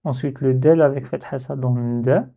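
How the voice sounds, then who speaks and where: A man teaching Arabic letter reading in a slow step-by-step lesson, patiently spelling out syllables and repeating them. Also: medium pitch, fairly even intonation, creaky, dull audio.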